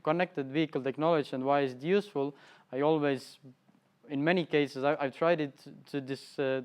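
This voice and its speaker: A man from Estonia, speaking with an Estonian accent, gives a conference presentation in a halting way, with many fillers and restarts. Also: medium pitch, clean tone. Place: festival presentation hall.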